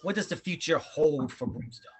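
Husky male interviewer, faint, fading in and out over a shaky call line. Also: on the high side, moderate pace. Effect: faint, breaking up over an online call, fading in and out. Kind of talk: remote interview. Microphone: video call.

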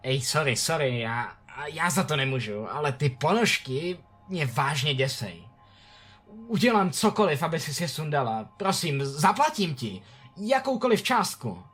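Panicky superstitious young boyfriend as a man puts him on, raised pitch, loud frantic outbursts, swooping delivery. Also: very animated, slightly rough, faint music behind, exaggerated voice. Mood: pleading.

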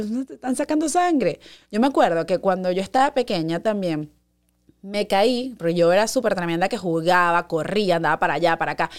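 A young adult woman, hosting a podcast as a chatty, animated storyteller. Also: mid-range voice. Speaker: podcast host. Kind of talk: casual monologue.

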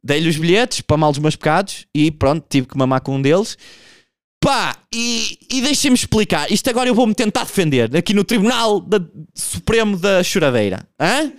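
A man's voice: high voice, animated, normal speed, dry recording, studio quality. A young man doing a casual, profane stand-up monologue, telling a story with vocal impressions. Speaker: stand-up comedian.

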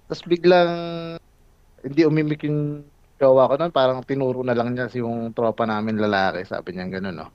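A man's voice: mid-range voice, brisk, dry recording. Lo-fi young man telling stories. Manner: storytelling, laughing, swears freely. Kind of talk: casual chat. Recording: dull lo-fi sound.

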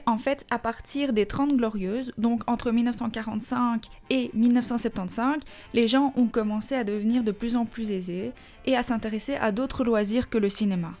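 A woman's voice: on the high side, darkish tone. A woman with a Belgian French accent hosting a music-history podcast, reading a script and adding chatty, joking asides. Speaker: podcast host.

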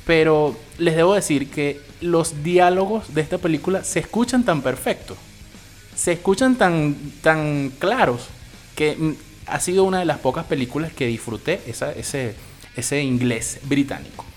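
A man's voice: a little high, animated, normal speed, soft background music. A man with a Venezuelan Spanish accent giving a loose, opinionated film review, swearing casually as he talks.

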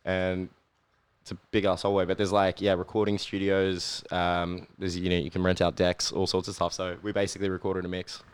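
A young man with an Australian accent and a low voice talks in a relaxed, rambling way, full of fillers and casual swearing. The sound is dry and close, with no room echo. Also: brisk, clear, resonant tone. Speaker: guest. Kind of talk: casual chat.

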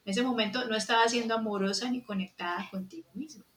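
Calm coaching woman in an echoey room. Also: fairly high pitch, quick pace, a little hiss or hum. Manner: calm, explanatory, reframes the other's story. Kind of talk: reflective coaching talk. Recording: roomy echo.

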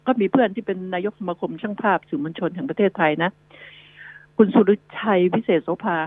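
A woman's voice: mid-range voice, a little mellow, dry recording, rough recording. A woman hosting a radio news show, giving chatty, rambling advice to her listeners. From Thailand. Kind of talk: casual radio talk.

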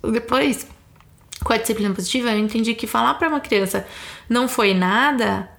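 A young Brazilian woman with a fairly high voice talks through parenting as a mother, thoughtful and unhurried. She keeps slipping into the soft lines she says to her little child. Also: creaky. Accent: Brazilian Portuguese. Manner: thoughtful, explains with examples, acts out things said to a child. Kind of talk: casual chat.

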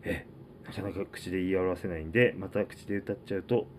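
Low, mellow-voiced man chatting alone. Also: fairly even intonation, a little fast, a little hiss or hum. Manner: rambling, filler-heavy, reads out list items. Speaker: podcast host. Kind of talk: casual solo talk.

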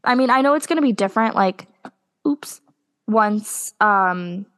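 A young woman co-hosting a casual podcast chat, talking with lots of ums and pauses. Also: medium pitch, expressive, a bit bright. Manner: chatty, hesitant with many ums. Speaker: podcast co-host.

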